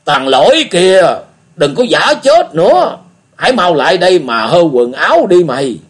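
A man voicing a cantankerous old male beggar martial artist who scolds and shouts in a husky voice for a story reading. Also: high voice, big pitch swings, moderate pace, voice pushed up, full character voice. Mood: angry scolding.

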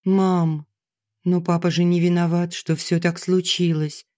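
A narrator voicing a distressed young daughter who pleads earnestly and gently with her mother, in an audiobook. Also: medium pitch, little pitch movement, a little slow, voice pushed up, close to an everyday voice. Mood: pleading. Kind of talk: audiobook character reading.

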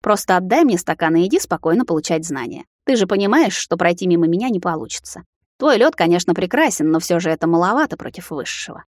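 A woman's voice: lowish voice, animated, fast, no echo, studio quality. A woman voicing a smug young male vampire in a fantasy audiobook, mocking at first and frantic when things go wrong. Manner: mocking, then frantic shouting. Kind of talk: audiobook character reading.

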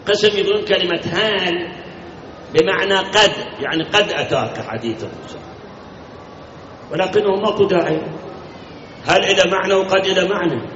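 Man preaching, high pitched, emphatic, repeats words, asks the crowd questions; distant mic, echoey hall, lo-fi. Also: animated, normal speed, long pauses, fairly bright tone, a little hiss or hum. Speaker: cleric. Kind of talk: sermon.

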